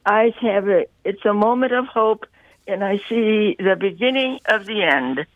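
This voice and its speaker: A woman in her eighties calling in to a radio show, heard over the phone, talking in a halting, homely way as she searches for words. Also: mid-range voice, animated, dry recording. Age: 80s. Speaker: radio call-in caller. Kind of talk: casual call-in chat. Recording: tinny dry phone line.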